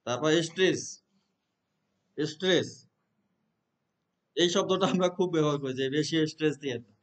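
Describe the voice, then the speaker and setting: A Bangladeshi man teaching a class of trainee teachers, explaining terms, reading English definitions slowly and asking the room questions. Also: a little high. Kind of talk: classroom lecture.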